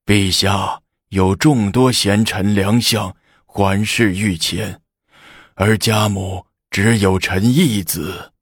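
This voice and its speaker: A man voicing a humble court minister who pleads slowly and deferentially. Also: fairly low pitch, steady tone, slightly rough, no echo, clean studio sound. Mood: pleading. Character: dutiful middle-aged male minister, humble.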